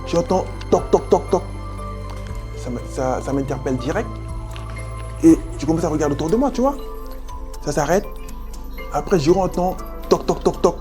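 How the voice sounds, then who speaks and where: A man from French Guiana with a French Guianese accent, telling his own story in an interview, slangy and vivid, making sound effects and calling the listener brother. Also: on the high side. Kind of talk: animated personal storytelling.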